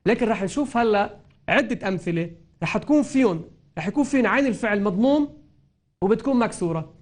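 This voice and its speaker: A man with a Lebanese Arabic accent gives a patient spoken lesson on recitation, and his voice sits noticeably high. He goes over each point more than once and stretches out the example words so they can be heard clearly. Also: expressive, quick pace. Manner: explains patiently, repeating and drawing out example words. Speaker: Quran recitation teacher. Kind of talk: spoken grammar and tajweed lesson.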